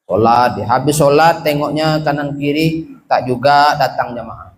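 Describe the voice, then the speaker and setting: A man with a Riau Malay accent preaching a lively mosque sermon, telling humorous stories and asking rhetorical questions. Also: fairly high pitch, normal speed, slight background noise. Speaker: Islamic preacher.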